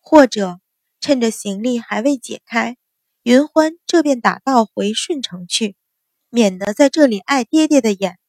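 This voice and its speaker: A woman voicing a calm young eldest daughter, cool and faintly mocking. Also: fairly high pitch, unhurried, no echo, studio quality. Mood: cutting.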